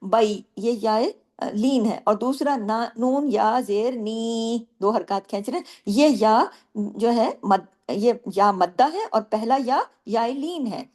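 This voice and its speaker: A woman's voice: on the high side, darkish tone. Woman teaching Quran recitation rules. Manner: explains rules step by step, asking and answering her own questions; recites Arabic words slowly and drawn out between explanations. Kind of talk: tajweed lesson with recitation.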